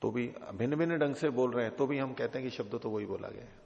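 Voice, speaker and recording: A man's voice: mid-range voice, fast talker, creaky, darkish tone. A middle-aged man teaching a classroom lecture on an old text, patiently explaining with repeated examples. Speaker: teacher of philosophy texts. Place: teaching hall at an ashram. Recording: dull reverberant hall recording.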